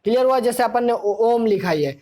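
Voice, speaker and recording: A woman teaches exam students a grammar lesson in an explanatory, drilling tone, posing questions to the class, answering them herself and repeating key points. Her voice is fairly high, mellow and animated, and she speaks briskly.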